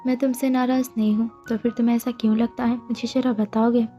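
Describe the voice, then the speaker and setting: A woman's voice: on the high side, flat delivery, a little fast, close to an everyday voice. A woman voicing a stern, reserved teenage boy who speaks in a curt, restrained way. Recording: dull lo-fi recording with soft music.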